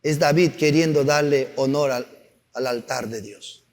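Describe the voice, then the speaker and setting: A man preaching a sermon as pastor, animated and acting out stories, at times shouting. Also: medium pitch, measured pace, in a large hall. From Peru. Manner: animated, acts out anecdotes with voices, sometimes shouting.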